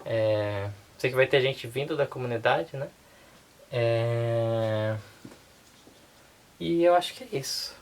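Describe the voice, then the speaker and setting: A woman with a Brazilian Portuguese accent giving a casual online language lesson, relaxed and unhurried, often checking in with her listeners. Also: rumbling low, slight background noise. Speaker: language teacher.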